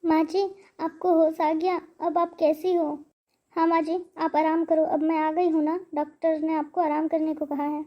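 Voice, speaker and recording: A woman's voice: sits high, level tone, normal speed, highs cut off, natural voice. A woman voicing a caring elder daughter-in-law in a cartoon story, urgent and reproachful.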